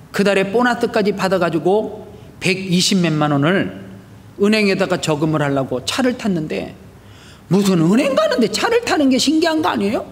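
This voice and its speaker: High-voiced Korean pastor preaching. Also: male voice, big-room sound. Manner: storytelling, with loud shouted prayers and rhetorical questions. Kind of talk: sermon. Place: church sanctuary.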